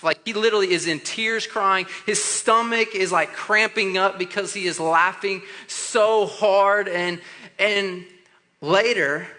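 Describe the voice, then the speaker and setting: A man preaching as youth pastor to students, telling a story and acting out the voices in it. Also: on the high side. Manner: animated, acts out quoted voices. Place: church youth room.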